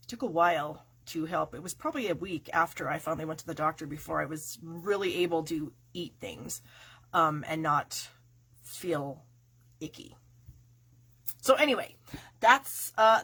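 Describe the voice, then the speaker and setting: A middle-aged woman hosts her own live stamping craft video, chatting with viewers in a rambling way full of fillers. Her cold leaves her low voice nasal and stuffy, and it is expressive, a bit bright and slightly rough, at a measured pace.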